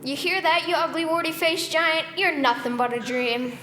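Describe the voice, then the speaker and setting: A woman's voice: sits high, normal speed, natural voice. A young woman playing a scared, lazy little boy in a school stage play, pleading in a whiny put-on mountain drawl. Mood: defiant. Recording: echoey hall, faint noise.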